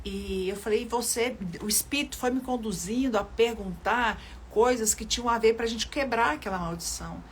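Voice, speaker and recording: A woman's voice: a little high, normal speed, few pauses, a little hiss or hum. Older woman preaching earnestly on a livestream. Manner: earnest, repeats phrases for emphasis, speaks to viewers directly. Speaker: children's ministry leader. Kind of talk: livestream sermon with testimonies.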